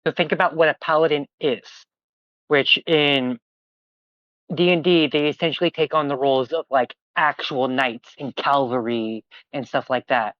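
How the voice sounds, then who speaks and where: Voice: medium pitch, fairly even intonation, normal speed, dry recording, highs cut off. A game master explaining options to a player in a casual, rambling way, with plenty of fillers. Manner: explanatory, chatty, lots of fillers. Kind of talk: running a tabletop game on stream.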